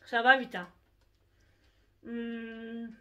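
A woman's voice: on the high side, level tone, drawn-out words, pushed and bright. A woman casually showing her shopping haul to her viewers, chatting to them directly and often tagging "hein" onto her sentences. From France. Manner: chatty, talks straight to viewers, fond of "hein".

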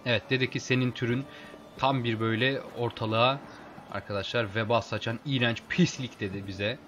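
A man casually commenting on a video game as he plays, chatting with his viewers as friends and getting excited in fights. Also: mid-range voice, brisk, a little hiss or hum. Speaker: let's play host.

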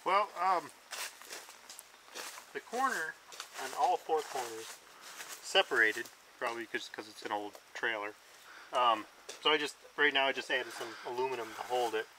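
A man's voice: mid-range voice, expressive, moderate pace, long pauses, background noise. A man explaining, in a practical, matter-of-fact way, how he will fix up an old camper, speaking by and inside it. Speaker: friend describing his repair plans. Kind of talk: casual explanation.

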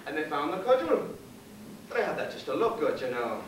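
A man's voice: fairly high pitch, sing-song, brisk. An actor playing a nervous, groveling Irish convict hangman who rambles on and calls everyone sir, in a live stage play. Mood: rambling. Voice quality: wheedling, deferential, endlessly says sir. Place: theater stage. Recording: echoey theater, mic far off, faint hiss.

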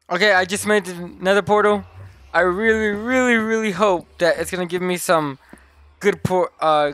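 A young man casually commenting while he plays, excitable and talking straight to his viewers, often exclaiming in surprise. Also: high voice, smooth, dry recording. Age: young adult. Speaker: gaming YouTuber. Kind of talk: casual Let's Play commentary.

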